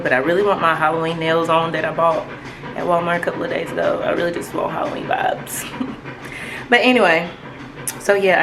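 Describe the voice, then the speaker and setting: A young woman chatting casually in a vlog about her day, rambling and upbeat with lots of fillers. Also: low-pitched. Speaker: vlogger. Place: home with a washing machine running. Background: washing machine noise.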